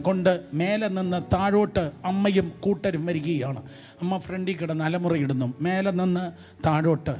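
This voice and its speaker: A male preacher delivering an emphatic, repetitive sermon to a live congregation, urging them to repeat phrases back and rising to shouts on key lines. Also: high-pitched.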